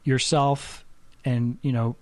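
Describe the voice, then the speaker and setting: A man co-hosting a gaming podcast, reasoning and calmly pushing back during a debate. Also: medium pitch, slow, dry recording. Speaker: podcast co-host. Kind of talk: casual debate.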